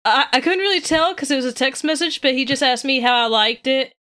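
A woman's voice: sits high, fairly quick, bright, forceful tone. A woman co-hosting a gaming podcast, chatting casually with enthusiasm and giggles. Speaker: podcast co-host.

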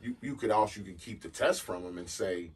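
A man's voice: on the low side, quick pace, husky. A man co-hosting a podcast, chatting casually in a laid-back, rambling way with many fillers. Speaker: podcast co-host. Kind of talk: casual chat. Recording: distant mic with faint noise.

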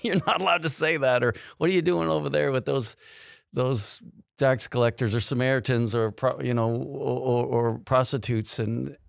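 There's a creaky edge to this fifty-something host's mid-range voice as he talks at a moderate pace, casually conversing and performing made-up quotes. The studio-quality recording, with no echo, comes from a close mic on a stand in a small indoor podcast studio.

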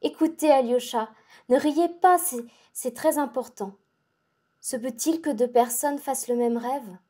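A woman reads a feverish young girl for a dramatic audiobook, the girl swinging between rapture and dread in breathless, urgent, pleading speech. The voice is fairly high, soft and mellow, and a little slow. The delivery is excitable and intense.

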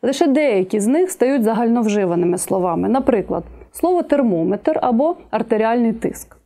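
A young woman teacher walks through an exam-prep lesson in a measured, methodical way, listing her examples one at a time. Her voice sits slightly high, and its tone is warm and mellow rather than bright. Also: animated. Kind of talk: exam-prep video lecture.

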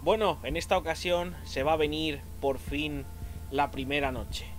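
A man with a Spain Spanish accent doing excitable let's-play commentary, muttering to himself and then swearing and shouting at enemies. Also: fairly high pitch, measured pace, faint music behind. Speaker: gaming youtuber.

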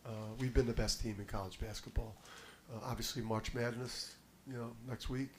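A middle-aged basketball head coach fields questions at a postgame press conference, speaking confidently and emphatically into a table mic on a stand in a press room. His mid-range voice holds a steady tone at a fairly quick pace, and he repeats words as he starts and restarts his answers. There's a little hiss or hum.

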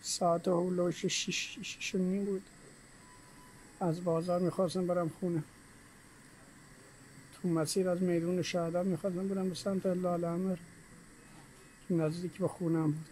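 Brief: man, 30s, plain eyewitness testimony, fairly high voice. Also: level tone, pauses often, a little mellow, a little hiss or hum, rough recording. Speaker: eyewitness driver. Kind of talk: recounted testimony.

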